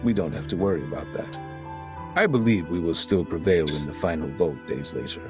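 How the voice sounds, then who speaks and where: Deep gravelly game underling giving a report, voice swings around a lot, game music behind. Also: male voice, animated. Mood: calm. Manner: measured, report-like delivery. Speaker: game character.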